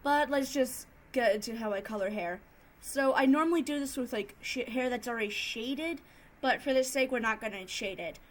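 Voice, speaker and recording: A woman narrating an improvised tutorial in a casual, subdued and somewhat monotone way. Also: a little high, moderate pace. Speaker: tutorial host, digital artist.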